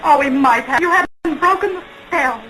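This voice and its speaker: A woman playing an anguished, lovelorn woman in an early talkie film melodrama, pleading in halting, drawn-out phrases. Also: sits high, slight background noise, rough recording. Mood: wistful reproach. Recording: 1920s film soundtrack with loud music.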